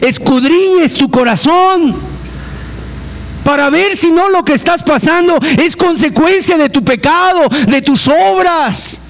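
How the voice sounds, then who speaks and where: A man delivers a sermon in a strikingly high voice. He preaches emphatically and keeps putting rhetorical questions to his listeners. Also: animated, slow, fairly bright tone. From Mexico.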